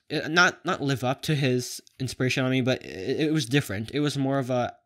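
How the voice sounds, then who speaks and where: A young man from Canada talking casually to camera, with a lisp and whistling s, rambling and often correcting himself. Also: mid-range voice. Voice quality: lisp with whistling s from plastic braces. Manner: rambling, halting, self-correcting. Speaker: video blogger.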